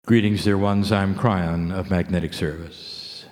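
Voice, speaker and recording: A man giving a channeled spiritual address to an audience, declaiming in deliberate short phrases, in a reverberant hall. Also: deep voice, fairly even intonation, a little mellow.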